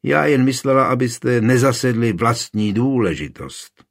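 A man's voice: medium pitch, lively intonation, gravelly. A man voicing a teasing young townswoman. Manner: playful, mocking.

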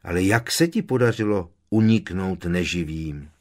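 A man's voice: low voice, expressive, a little mellow. A man voicing an earnest young wizard who keeps pressing with questions. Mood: probing.

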